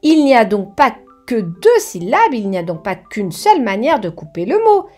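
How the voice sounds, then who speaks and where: A woman giving a children's grammar lesson, speaking slowly and clearly, breaking words into syllables and asking the viewer questions. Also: fairly high pitch, big pitch swings. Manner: slow and clearly articulated, syllable by syllable; addresses the viewer warmly with questions. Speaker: teacher. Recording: soft background music.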